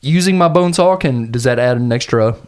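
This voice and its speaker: A man's voice: mid-range voice, fairly quick. A man playing a tabletop game who describes his character's moves with lots of laughter. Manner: laughing, animated storytelling. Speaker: player.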